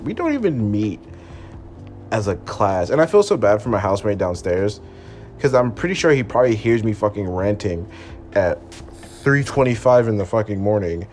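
A man's voice: fairly high pitch, darkish tone. Frustrated young man ranting late at night. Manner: frustrated, profane, repetitive. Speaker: podcast host. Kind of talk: late-night solo rant. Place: room at home at night.

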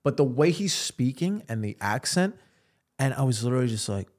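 A man's voice: medium pitch, sing-song, brisk, darkish tone. A man co-hosting a podcast, telling a chatty story. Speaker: podcast co-host. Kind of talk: casual chat.

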